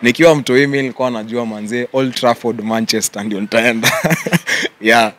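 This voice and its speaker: A young man with a Kenyan accent, answering interview questions in a relaxed way and mixing English with Swahili slang. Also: mid-range voice, normal speed. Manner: relaxed, mixes English and Swahili slang, says "yeah" often. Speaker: content creator guest.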